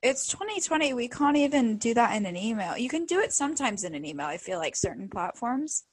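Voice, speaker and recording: Lively, husky young woman podcaster. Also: on the high side, fairly quick, no room sound. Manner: blunt, self-mocking, laughs often. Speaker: podcast co-host. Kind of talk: casual chat.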